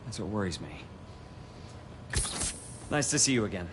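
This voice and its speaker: An actor playing a measured, courteous middle-aged male doctor in a video game, speaking formally and deliberately. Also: fairly low pitch, very animated, background noise. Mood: wary. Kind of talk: video game dramatic acting.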